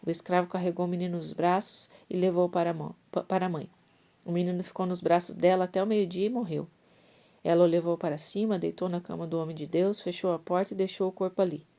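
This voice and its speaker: A woman reads a Bible story aloud in a low, mellow voice. She trips over words now and then and corrects herself, keeping a steady, unpolished read-aloud delivery. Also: fast, vocal fry. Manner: reads with restarts and self-corrections. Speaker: Bible reader.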